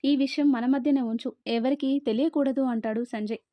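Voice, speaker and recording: A woman's voice: high-pitched, fairly even intonation, normal speed, no room sound, highs cut off. A woman narrating a story and reading every character's lines in a near-plain voice. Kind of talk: scripted story narration with dialogue.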